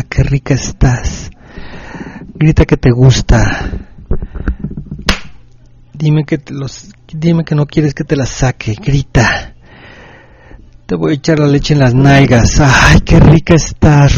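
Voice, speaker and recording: A Mexican man hosting a late-night radio show, tipsy and slurring his words, slow and suggestive with frequent laughter. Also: mid-range voice, a little mellow, husky, dry recording. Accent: Mexican Spanish. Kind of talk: late-night radio chat and erotic dedications. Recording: dull lo-fi radio sound.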